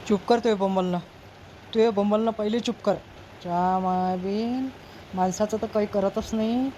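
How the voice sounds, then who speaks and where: A woman's voice: medium pitch, fairly even intonation, moderate pace, mellow, a little hiss or hum, close to an everyday voice. A woman with a Varhadi Marathi accent playing a grumpy, short-tempered husband who scolds and threatens in a village comedy skit. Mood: shouting. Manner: scolding, nagging, blustering threats.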